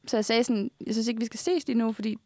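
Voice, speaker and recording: A woman's voice: on the high side, steady tone, darkish tone, dry recording, clean studio sound. A young Danish woman co-hosting a casual podcast chat, telling candid stories, often quoting herself and others, laughing easily. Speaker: podcast co-host.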